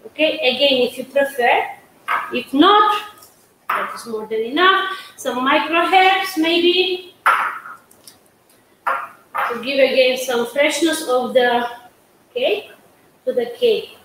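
In an echoey, faintly humming studio kitchen, a large indoor space, a middle-aged Georgian woman runs a live cooking demonstration of a cake. As a pastry chef she encourages viewers in chatty, broken English with a Georgian accent. Her high, slightly bright voice has lively intonation, a slow pace and long pauses.

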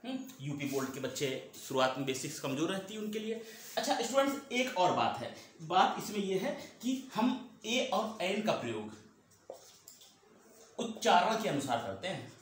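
A man's voice: sits high, very animated, normal speed. Guy teaching class, keeps repeating stuff, asks then answers himself, bouncy voice, super echoey room. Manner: repeats points, asks and answers own questions. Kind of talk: classroom lesson. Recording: very echoey room, faint noise.

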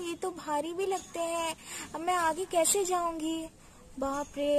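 A woman's voice: high voice, slight background noise. A woman voicing a brave, cheerful young daughter in a doll cartoon, chatty and full of exclamations.

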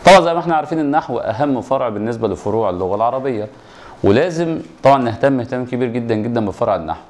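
A man's voice: medium pitch, expressive, very fast, darkish tone. A man with an Egyptian accent teaching an exam review lesson, asking and answering his own questions and repeating the key rules. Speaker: Arabic grammar teacher.

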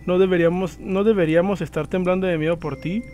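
A man voicing eerie, bossy sixteen-year-old twin sisters, reading calm, insistent game lines. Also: high-pitched, fast talker, faint music behind, close to an everyday voice. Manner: reads calm, insistent dialogue from the screen.

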